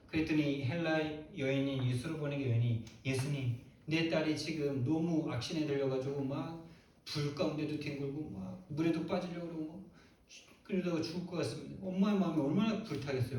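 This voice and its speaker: A male pastor preaching a sermon in a church, emphatic and quick to put rhetorical questions to the congregation. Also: mid-range voice, a little mellow, a little hiss or hum. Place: church sanctuary. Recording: very echoey church hall, mic far off.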